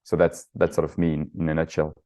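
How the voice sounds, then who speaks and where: A middle-aged author and activist from the south of France, speaking with a French accent, answers interview questions as a guest. His voice is rumbling, low, warm and monotone, and he talks fast yet hesitantly, full of fillers and restarts.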